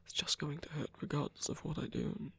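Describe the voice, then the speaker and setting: Guarded yet tender, the wounded villain in this intimate ASMR roleplay is proud and flirtatious, voiced by a performer who speaks softly with breathy gravel. The medium-pitched delivery keeps fairly even intonation while staying halting, hesitant and murmured.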